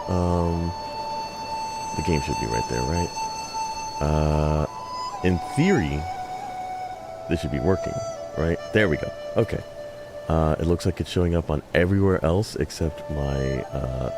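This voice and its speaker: A man streaming a game live, chatting casually to his viewers with a tired voice, rambling, excitable, full of ums and uhs. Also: low-pitched.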